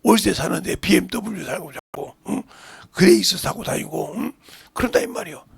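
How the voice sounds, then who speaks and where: Fiery, husky-voiced male pastor. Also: high voice, wildly swooping pitch, fairly quick, dry recording, clean studio sound. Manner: fiery preaching, swings from shouts to whispers. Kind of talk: sermon.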